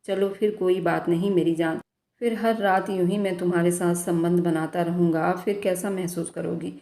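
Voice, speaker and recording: A woman voicing a cruel, possessive young man, a vengeful boss, in storybook narration with a flat, menacing delivery. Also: on the low side, moderate pace, natural voice. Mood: taunting. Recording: roomy echo.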